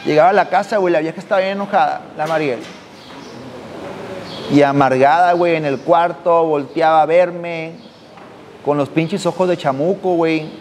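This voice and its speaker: A man's voice: on the high side, steady tone, normal speed, darkish tone, big-room sound, slight background noise. A man hosting a podcast, telling a personal story in slangy, casual speech. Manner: slangy, drops "güey" constantly, acts out voices. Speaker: podcast host.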